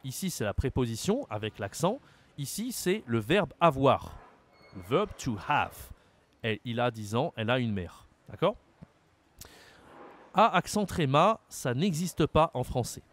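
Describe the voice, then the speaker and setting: Slow, lively French teacher man. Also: medium pitch. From France. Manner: slow, exaggerated pronunciation, repeating sounds for learners. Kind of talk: online language lesson.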